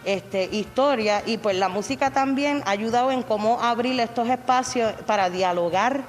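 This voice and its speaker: A woman's voice: fairly high pitch, normal speed. Caribbean Spanish-speaking woman in an echoey hall. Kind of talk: casual interview remarks. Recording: echoey hall with music behind.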